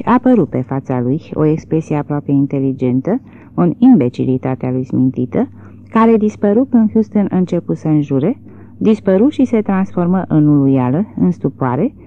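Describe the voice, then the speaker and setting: A woman narrates a literary novel in a measured, expressive way. Her voice is low but moves freely through its range. The audio is narrow and tinny, like a phone line.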